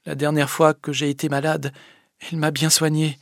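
A man's voice: fairly high pitch, level tone, normal speed, vocal fry, no room sound, studio quality, pitched above the performer's own voice. A man voicing a sickly, plaintive young man. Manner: plaintive, soft-spoken. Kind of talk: audiobook character voice.

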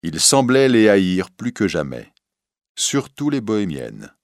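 A man reading a story aloud in scripted narration, expressive and storytelling. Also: on the low side, slow, no room sound, studio quality.

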